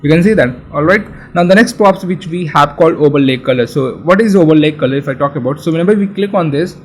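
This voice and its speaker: Male coding tutor, somewhat high voice, loose and chatty delivery full of fillers and restarts. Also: expressive, fast, a little hiss or hum, rough recording. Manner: casual, repetitive, many fillers and restarts. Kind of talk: screen-share coding tutorial.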